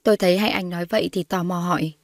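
A woman's voice: on the low side, steady tone, racing, dry recording, clean studio sound. A woman reading a story aloud and voicing every character's lines herself. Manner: reads all the characters' lines in her own voice, rising when characters shout. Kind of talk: scripted narration with voiced dialogue.

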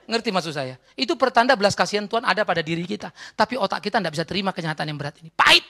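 A man pastor preaching a sermon, emphatic, swinging between soft asides and loud exhortation. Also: high-pitched, animated, rapid-fire.

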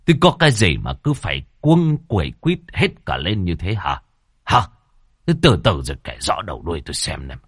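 A man's voice: low-pitched, very animated, moderate pace, husky, dry recording, studio quality, exaggerated voice. A man voicing a short-tempered old landowner who barks and scolds in a horror storybook reading. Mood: scolding. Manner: barking, scolding.

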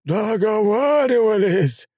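A man voicing a fat, sneering gangster boss with a high, drawling, taunting voice. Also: expressive, takes it slowly, gravelly, mellow, breathy edge, dry recording, studio quality, full character voice. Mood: mocking.

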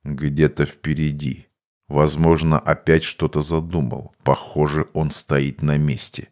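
A man voicing a calm, cryptic male mage in an audiobook, measured and matter-of-fact. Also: extremely low pitch, voice pushed down. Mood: wary. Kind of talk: audiobook character voice.

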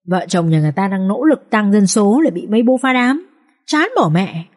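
A woman's voice: mid-range voice, animated, fairly quick, close to an everyday voice. A woman reading an audiobook voices a crafty, coarse village thief who bosses his wife around in crude, brash banter.

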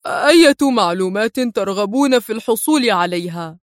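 A woman's voice: medium pitch, expressive, normal speed, no echo, studio quality, lightly acted. A woman voicing a proud, hungry male prisoner who speaks sternly and with scorn. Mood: defiant. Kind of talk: audiobook character reading.

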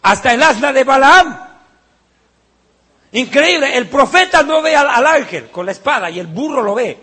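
A man preaching a sermon in a heated, mocking way, with sudden shouts. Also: very high voice, lively intonation, moderate pace, breathy edge.

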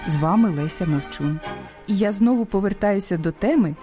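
A woman hosting a radio program about language, reading a scripted talk with a didactic tone and clear stress on each example word. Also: mid-range voice, fairly quick, music in the background. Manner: didactic, lively emphasis on quoted words.

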